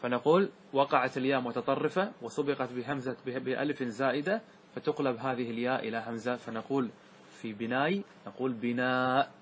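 A man, a sheikh, teaching a class on Arabic grammar, reciting verse slowly and checking whether students follow. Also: mid-range voice, fairly even intonation, slight background noise. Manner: asks students rhetorical checks like "clear?". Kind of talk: classroom lesson explaining verse.

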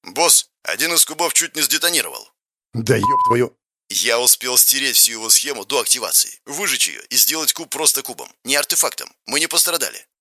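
A man voicing a calm male artifact craftsman in an audiobook, explaining things in a measured, earnest way. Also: mid-range voice, slight background noise.

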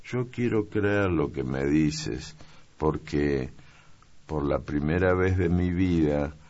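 A man voicing a refined, moody young noblewoman in a slow, deliberate, raised voice in an audiobook reading. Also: rumbling low, a little mellow, dull audio.

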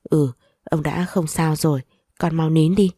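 A woman reading the lines of a frail, dying old grandfather who speaks gently and lovingly in an audiobook story. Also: low-pitched, steady tone, a little slow, no room sound, clean studio sound. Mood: tender. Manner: soft, tender speech.

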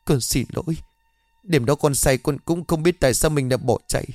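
A man's voice: a little high, normal speed, darkish tone, no echo, voice pushed up, close to an everyday voice. A man voicing a frightened, spoiled young woman who stammers and pleads tearfully with her mother. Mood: pleading, tearful.

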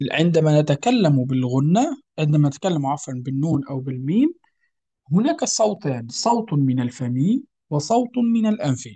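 A man with a somewhat high, mellow, husky voice, recorded dry, teaches Quran recitation rules. He explains patiently and repeats himself, often fixing slips mid-word. He poses questions to his listeners and then answers them himself.

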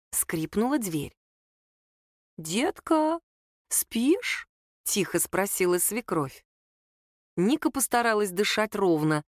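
A woman narrating a story aloud in a steady, intimate manner. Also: fairly low pitch, dry recording, clean studio sound. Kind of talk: audiobook story reading.

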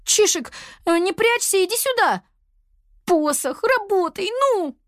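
Woman doing Tua, shrill excitable girl wizard. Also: unhurried, dry recording, studio quality. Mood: excited. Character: impatient lively young girl apprentice wizard. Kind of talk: storybook character voice.

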